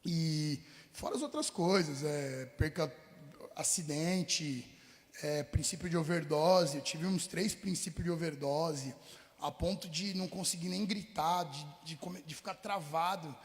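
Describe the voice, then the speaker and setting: High-voiced São man, slangy testimony. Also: measured pace, in a large hall. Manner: street slang, acts out past dialogues, chokes up at times. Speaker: rapper guest telling his testimony. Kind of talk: emotional personal testimony in an interview.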